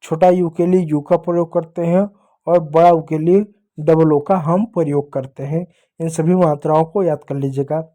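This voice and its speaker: A man's voice: fairly high pitch, fairly even intonation, dark tone. Patient man teaching young children. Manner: slow, patient, repeats points to young pupils; spells out letters slowly one by one. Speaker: English teacher. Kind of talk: explaining to children.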